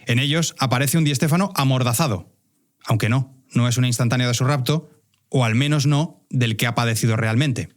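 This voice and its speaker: With a faint music bed behind him, this host from Spain delivers his scripted narrative podcast briskly in a medium-pitched voice. He's wry, talking directly to listeners and dropping conversational asides.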